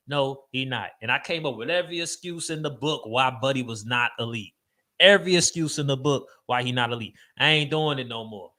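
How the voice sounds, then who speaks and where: A man's voice: medium pitch, bright, forceful tone. A young adult man from Chicago hosting a casual sports podcast with a cold, stuffed up, ranting emphatically in loose slang with lots of fillers. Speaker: podcast host.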